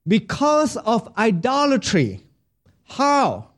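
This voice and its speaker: A male pastor preaching a sermon with a fairly high voice. He takes his time over every phrase, leaving room between thoughts, and puts rhetorical questions to the congregation. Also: huge pitch swings, slow pace.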